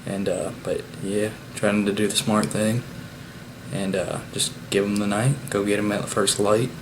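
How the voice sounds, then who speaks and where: A man hosting a casual hunting vlog, recapping the day at home in a relaxed, unhurried way with plenty of "uh" fillers. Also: on the low side. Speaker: bowhunter and channel host. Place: at home after the hunt. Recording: steady background noise.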